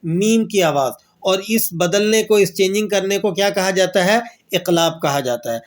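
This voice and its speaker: A man with a fairly high-pitched voice teaches the rules of Quran recitation. He poses questions and answers them himself, and slowly draws out the verses he recites as examples. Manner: slow drawn-out recitation of verses. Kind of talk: tajweed lesson with recited examples.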